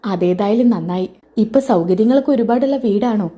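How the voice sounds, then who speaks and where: A woman voicing a soft, caring elderly grandmother in a spoken serial recap. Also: mid-range voice, normal speed, husky, close to an everyday voice.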